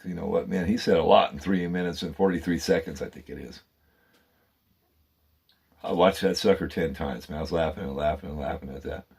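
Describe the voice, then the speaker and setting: A man with a low, husky voice rants at length to his viewers in a fervent, repetitive monologue. He keeps circling back, calling out "man" and "guys" as he talks. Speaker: channel host. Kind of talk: rambling conspiracy monologue.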